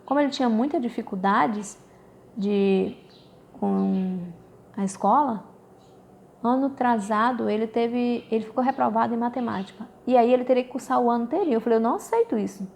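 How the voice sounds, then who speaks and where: A Brazilian woman, a mother, telling her listeners an animated story about her children and often calling them "gente". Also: fairly high pitch, normal speed, creaky, a little hiss or hum. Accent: Brazilian Portuguese. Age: adult. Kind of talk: casual spoken testimony.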